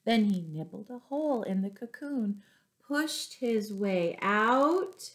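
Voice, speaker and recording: A middle-aged woman reading a picture book aloud to young children, with deliberate, expressive phrasing and little asides to her listeners. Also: mid-range voice, slight background noise. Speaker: children's storyteller, teacher. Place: small furnished room at home.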